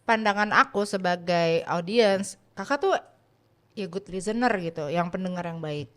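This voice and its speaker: A woman hosting a casual interview, lively and quick to laugh and react. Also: on the low side. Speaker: interviewer host.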